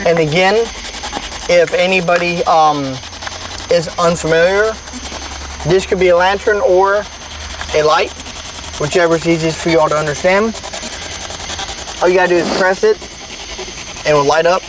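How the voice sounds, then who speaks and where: A man's voice: high-pitched, fairly even intonation, moderate pace, long pauses. A man on a ghost hunt, talking to spirits and challenging them to show themselves. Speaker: ghost hunter. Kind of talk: paranormal investigation vlog. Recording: noisy outdoor recording, insects and vehicles.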